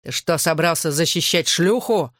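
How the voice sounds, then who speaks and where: A man's voice: a little high, a bit bright, no echo, clean studio sound. A man doing a snarling drunk father. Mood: furious drunk. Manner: slow, heavy, snarling delivery. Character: drunk violent father, slurring and growling.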